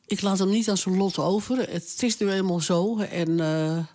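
Older woman chatting in an interview, lots of ums, plain and unhurried. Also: medium pitch, darkish tone. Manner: hesitant, many fillers, plain-spoken. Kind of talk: casual reminiscing conversation.

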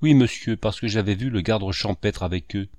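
A man's voice: fairly low pitch, moderate pace, darkish tone, dry recording, close to an everyday voice. A man voicing a frightened sixteen-year-old peddler boy, timid and pleading. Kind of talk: audiobook character reading.

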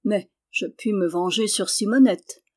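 A woman reading the part of a mysterious fairy with a soft, slightly trembling voice. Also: mid-range voice, measured pace, husky. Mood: commanding. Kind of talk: audiobook character voice.

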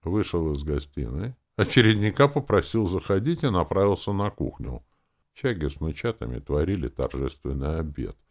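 A man narrating a first-person audiobook in a very deep, gravelly voice. His pitch moves widely, giving the reading a wry, lively feel. The voice stays rough and grainy from line to line. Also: normal speed.

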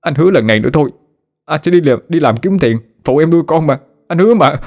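A man's voice: fairly high pitch, lively intonation, quick pace, a little mellow, voice pushed up. A man voicing a stammering, frightened husband. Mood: pleading. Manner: stammering, pleading.

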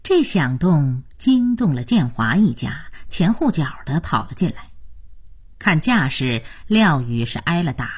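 A woman narrating a serialized novel in an expressive storytelling style. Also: sits low, measured pace, breathy edge. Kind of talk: storytelling broadcast.

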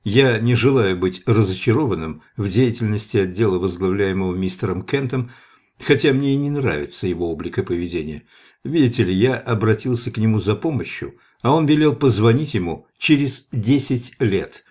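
A man's voice: fairly low pitch, expressive, normal speed, darkish tone. A man reading as a wry young scientist. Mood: ironic. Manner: ironic, argumentative. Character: earnest young male scientist, sharp-tongued and stubborn.

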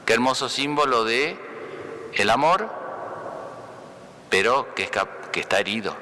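A priest delivers a homily in a sharp, forceful, very bright voice at a middling pitch. He speaks conversationally, keeps asking his listeners for agreement and breaks off to restart phrases, and the sound trails off into the long reverb of a church. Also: animated. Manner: pauses and restarts mid-phrase. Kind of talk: spoken homily.

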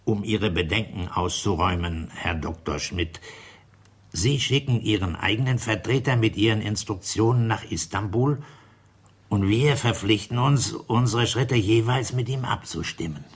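A grave committee leader weighs every word in a radio drama. His voice sits very low with a husky edge, and his delivery is earnest and formal. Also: moderate pace. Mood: guarded. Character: grave, measured middle-aged male committee leader. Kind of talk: 1960s-style radio drama acting.

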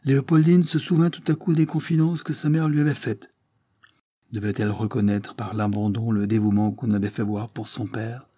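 A man reading a classic novel aloud as an audiobook narrator, in a measured, dramatic way. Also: fairly low pitch, fairly even intonation, warm tone, breathy edge.

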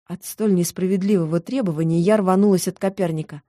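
A woman narrating a first-person audiobook story in a lively, expressive way. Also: on the low side, brisk, dry recording, clean studio sound.

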